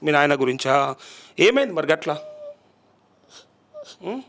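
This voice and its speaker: A man's voice: a little high, very animated, a little slow, fairly bright tone. A male journalist, interviewing people on the spot, coaxing them and repeating their answers back.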